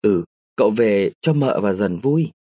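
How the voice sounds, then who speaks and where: A young mother, gentle and sorrowful with a sharp scolding edge, played by a male narrator. The voice is husky and the recording is dry. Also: on the low side, animated, a little slow, no room sound. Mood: sad gentle. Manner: soft, sad, sometimes sharp.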